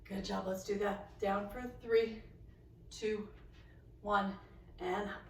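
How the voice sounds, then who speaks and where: A woman's voice: mid-range voice, little pitch movement, slow, creaky, recorded from a distance, a little hiss or hum. Woman, fitness instructor cueing a home barre workout, encouraging; roomy sound, mic set back. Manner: encouraging, counts reps aloud.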